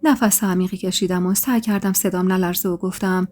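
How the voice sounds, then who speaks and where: A woman's voice: lowish voice, steady tone, a little mellow, faint music behind. A woman narrating a first-person true story in an intimate, emotional way, as the podcast's storyteller.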